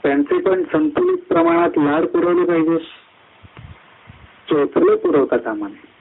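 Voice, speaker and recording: A man giving a devotional discourse at a satsang, climbing high through lists of words and slowing down on key phrases. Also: wildly swooping pitch, vocal fry, breathy edge. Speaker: satsang speaker. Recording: tinny phone-like line.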